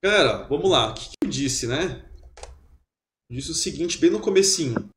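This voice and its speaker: A man giving a lively, chatty webinar lesson and drilling pronunciation. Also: fairly high pitch, moderate pace, a little hiss or hum. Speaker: German teacher. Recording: roomy echo.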